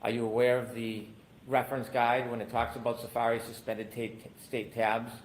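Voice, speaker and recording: A man's voice: mid-range voice, flat delivery, normal speed, slight background noise, poor audio. Male attorney questioning in a courtroom recording. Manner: probing questions, hesitant with "um".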